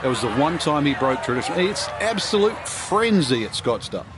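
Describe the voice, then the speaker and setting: A man's voice: on the high side, sing-song, brisk. Conversational male golf commentator, noisy outdoor backdrop.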